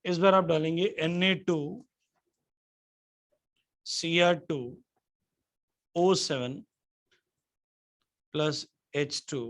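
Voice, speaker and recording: A man lectures a chemistry class, his voice sitting a little high for a man. He keeps tossing questions to the room and then answering them himself. When he reaches a formula, he spells it out one letter at a time. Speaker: chemistry teacher.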